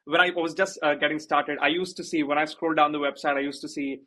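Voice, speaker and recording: A man's voice: a little high, steady tone, fast talker, pushed and bright. A man hosting an interview, agreeable and chatty, with lots of "you know" fillers. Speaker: interview host. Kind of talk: casual interview talk.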